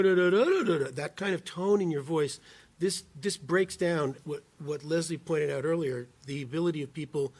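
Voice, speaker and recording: A man on a discussion panel giving advice on conflict, speaking deliberately and slowing down to stress key words. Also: fairly high pitch, a little mellow, husky.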